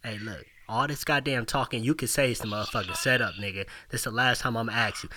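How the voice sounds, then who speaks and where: A man making a prank phone call, pushy and insistent, swearing as he goes. His voice is very bright and sharp, with an edgy, forceful tone. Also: medium pitch, fast talker, a little hiss or hum. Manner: pushy, loud, swearing, laughing. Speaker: caller in a skit. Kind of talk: profane phone prank skit.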